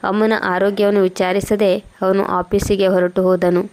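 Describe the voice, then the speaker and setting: A woman narrating a moral story in an even, scripted reading. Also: medium pitch, moderate pace.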